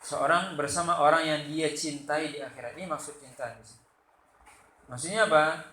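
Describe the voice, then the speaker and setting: A man from Sumatra with a Sumatran Indonesian accent, giving a loud, lively religious lecture and acting out the quotes in his stories. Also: on the high side, moderate pace. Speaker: religious teacher. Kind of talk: study-circle lecture. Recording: echoey room with faint background noise.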